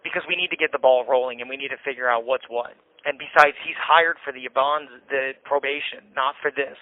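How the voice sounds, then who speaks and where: Over a tinny, band-limited jail phone line, a man with an American accent talks casually from jail through a telephone handset, venting and insistently explaining himself. His mid-range voice is brisk with fairly even intonation.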